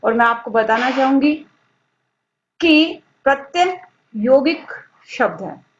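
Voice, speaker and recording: Slow, patient woman teaching grammar. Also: sits high, animated. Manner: patient explaining, asks questions and answers them herself. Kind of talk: online grammar lesson. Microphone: screen-recorded lesson. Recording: dull lo-fi audio.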